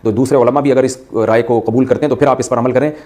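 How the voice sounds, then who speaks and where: A male Islamic scholar answers a viewer's question in a mid-range voice. He works through the reasoning in a measured way and presents it as his own opinion. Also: mid-range voice, steady tone, warm tone. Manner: measured, reasoning aloud, offers a personal opinion.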